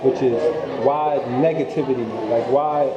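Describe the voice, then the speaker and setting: A man's voice: mid-range voice, steady tone, unhurried, over loud music. A man interviewing a guest casually, asking questions and giving short encouraging replies. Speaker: interviewer, YouTuber. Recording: roomy, dull sound with clear noise.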